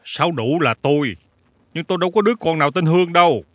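A man playing a mild, worried older country father who speaks gently and courteously. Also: medium pitch, animated, moderate pace, dry recording. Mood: puzzled. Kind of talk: audiobook story reading.

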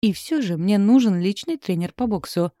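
A woman's voice: medium pitch, expressive, moderate pace, dark tone, no room sound, clean studio sound, close to an everyday voice. A woman voicing an anxious, complaining young office worker in an audiobook. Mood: sulky. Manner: panicky, complaining. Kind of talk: audiobook reading.

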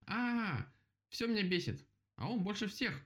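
Man playing a cranky rabbit, irritable, raised pitch, gravelly, storybook reading. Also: huge pitch swings, moderate pace. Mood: whining. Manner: whiny and irritable, cries out. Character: grumpy, quick-tempered male rabbit. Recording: dull lo-fi recording.

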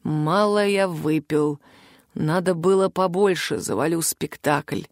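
Give me a woman playing a flustered aging male actor, slow and low. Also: dry recording, clean studio sound. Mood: anxious.

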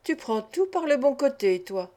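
Woman reader voicing a tired young male doctor, quiet and rueful, storybook. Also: sits high, very animated, normal speed.

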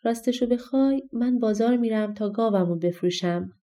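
A woman's voice: a little high, steady tone, dark tone, lo-fi sound, lightly acted. Jack, a hopeful young boy, read by a woman. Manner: eager, quick to protest.

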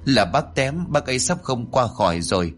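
A man's voice: medium pitch, expressive, moderate pace, faint music behind, natural voice. A man voicing a tearful young village girl who pleads and urges in a storybook reading. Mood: pleading. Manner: pleading, breathless urging.

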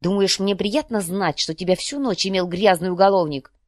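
A woman's voice: medium pitch, moderate pace, dry recording, clean studio sound, lightly acted. A woman reading the part of a jealous, bitter husband, talking in an angry, clipped way.

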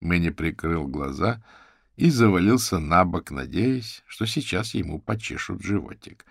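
Deep gravelly male narrator. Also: lively intonation, a little slow, no echo, studio quality. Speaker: audiobook narrator. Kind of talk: scripted narration.

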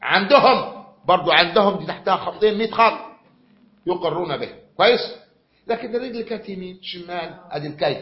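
In a lecture room, a brisk, high-voiced man with an Egyptian Arabic accent delivers a classroom lecture, repeating himself often and quizzing his students. The recording sounds dull and lo-fi.

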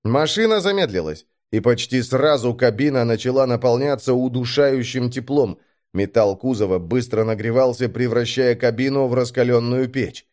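A man's voice: medium pitch, normal speed, a little mellow. A man narrating a science-fiction audiobook in a dramatic, tense manner.

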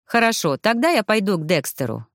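A woman voicing a suave, oily male mage who speaks in a syrupy, unhurried way, read for an audiobook. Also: mid-range voice, big pitch swings, dry recording, clean studio sound. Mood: smarmy.

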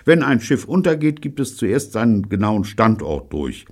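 A man's voice: lowish voice, sing-song, normal speed, pitched above the performer's own voice. A man voicing an impatient adult who scolds and grows exasperated, in an audiobook.

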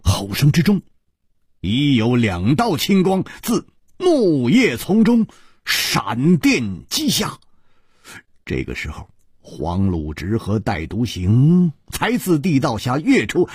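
A male storyteller narrates with a dramatic, animated swing in pitch. His voice is husky and slightly high. The sound is dry and close. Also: slow, dry recording.

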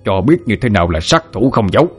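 A man's voice: lowish voice, big pitch swings, fast, faint music behind. Man voicing a grim water sorcerer. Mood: menacing.

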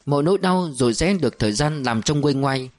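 A man narrating an audiobook in a steady, measured storytelling voice. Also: medium pitch.

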